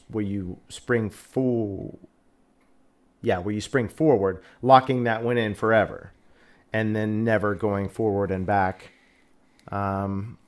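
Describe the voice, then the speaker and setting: A man hosting a casual live stream who rambles through a jokey story. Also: fairly low pitch. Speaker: host.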